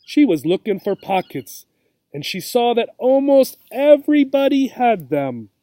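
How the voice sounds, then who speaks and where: In an extremely high, sing-song voice with a warm tone, a man reads a children's storybook the way a teacher would. He keeps the phrasing simple and deliberate, adding asides for young listeners, and there is no room sound.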